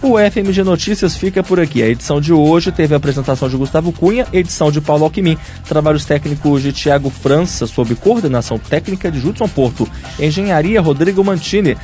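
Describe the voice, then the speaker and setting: Reading a scripted bulletin on university radio, this man has a slightly high voice and a quick pace with hardly any pauses. His delivery stays clear, steady and announcer-like over faint background music.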